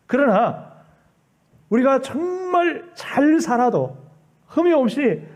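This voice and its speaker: A male pastor delivers a Sunday sermon in a high but mellow voice. He pleads with the congregation and drives each point home with emphasis. Now and then he slips into the mocking tones of scoffers to make his point.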